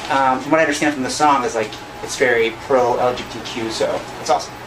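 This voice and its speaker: A man's voice: mid-range voice, fairly even intonation, quick pace, far from the mic, background noise. A man from the United States, a drag queen, giving casual reaction commentary with slangy, approving banter. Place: small decorated studio, indoors. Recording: music playing over the talk.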